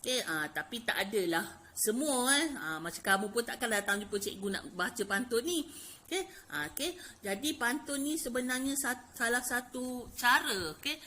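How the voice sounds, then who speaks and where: A woman's voice: a little high, animated, moderate pace, pushed and bright. A Malaysian woman teacher with a Malay accent giving a lesson to young pupils, chatty and full of fillers like "okey" and "ha". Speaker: primary school teacher. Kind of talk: classroom lesson explaining poetry.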